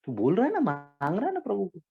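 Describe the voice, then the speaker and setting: Forceful Indian man sharing in recovery. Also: high-pitched, huge pitch swings, fast talker, creaky, husky, soft background music. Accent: Marathi-influenced Hindi. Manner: forceful, preachy, self-scolding. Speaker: AA member sharing his story. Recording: dull lo-fi online call audio.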